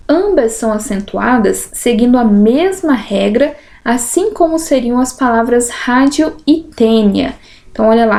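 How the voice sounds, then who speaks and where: A woman teacher with a somewhat high but mellow, dark-toned voice. She goes through exam questions step by step. She breaks words into syllables and keeps checking in with the listener. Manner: syllable-by-syllable explanation, uses diminutives and "né".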